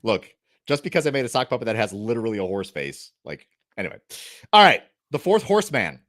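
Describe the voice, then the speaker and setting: Jokey, animated podcast co-host man. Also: medium pitch, a little fast. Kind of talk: casual chat.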